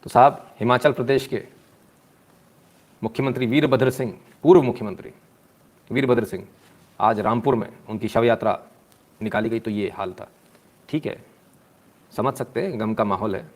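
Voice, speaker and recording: A man's voice: medium pitch, moderate pace, pauses often. A man, giving sarcastic live news commentary, mocking and scolding the people in the clips and answering viewer comments.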